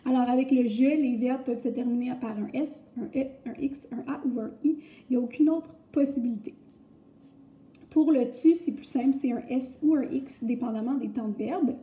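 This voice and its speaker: A woman's voice: fairly high pitch, moderate pace, mellow. Chatty Québécois woman teaching, echoey room. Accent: Québécois French. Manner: chatty, explains step by step with many fillers. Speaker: French teacher. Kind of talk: recorded grammar lesson. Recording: echoey, muffled room recording.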